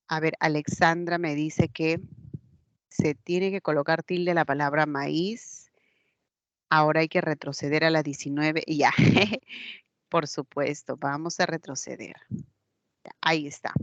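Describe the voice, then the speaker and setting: A woman's voice: deep voice, dry recording. A woman teacher with a Peruvian Spanish accent, leading an online class and patiently explaining step by step. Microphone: computer mic in a video class. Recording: dull lo-fi online class audio.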